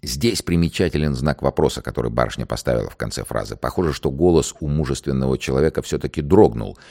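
A man narrating and commenting on a historical record in an expressive, wry storytelling manner. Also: extremely low pitch, quick pace, creaky.

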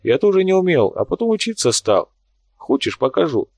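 A man reading an audiobook, voicing a brash, blunt young man with a gruff, slangy way of talking. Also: a little high, big pitch swings, brisk, a little mellow, no echo, clean studio sound, voice pushed up. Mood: coaxing.

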